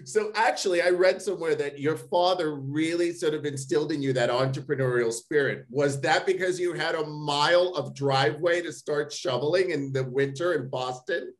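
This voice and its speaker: A man's voice: on the high side, normal speed, few pauses. A man hosting an interview podcast, chatty and enthusiastic, swearing casually. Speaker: podcast host.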